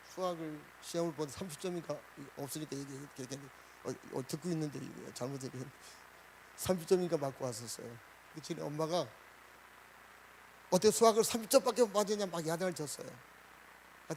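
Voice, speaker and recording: A man preaching a Sunday sermon as pastor, asking the congregation questions and swinging between loud and soft. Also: on the high side, slight background noise, low-quality recording.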